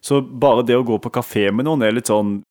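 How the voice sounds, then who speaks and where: A man's voice: mid-range voice, a little mellow. A man in casual conversation, telling about dating in a reflective, hesitant way. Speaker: guest telling dating stories.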